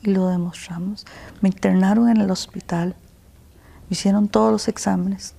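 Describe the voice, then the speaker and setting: A woman with a Costa Rican accent, telling her personal story in an interview, earnest and emotional, at times dropping to a soft whisper. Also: mid-range voice, fairly even intonation, normal speed, gravelly. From Costa Rica. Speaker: interview guest.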